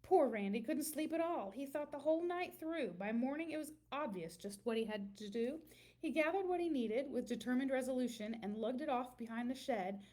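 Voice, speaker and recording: Reading a children's picture book aloud, a woman whose voice sits high tells the story expressively, stretching out words and leaning on dramatic emphasis.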